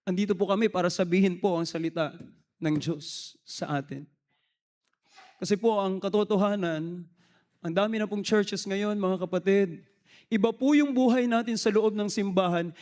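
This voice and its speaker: A man's voice: high voice, moderate pace, darkish tone. A man preaching a sermon in a storytelling way, respectful and mixing in English phrases. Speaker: lay preacher.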